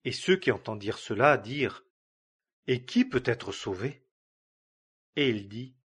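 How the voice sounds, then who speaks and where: Slow, husky man reading scripture. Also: mid-range voice. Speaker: Bible reader.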